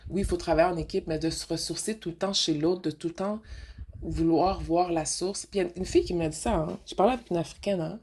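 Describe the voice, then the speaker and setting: A fast-talking woman radio host from Quebec, whose voice sits on the low side with a darkish tone, delivers a casual, rambling monologue. She's frank, has a Québécois French accent, drops into English mid-sentence, and asks rhetorical questions. A little hiss or hum is audible.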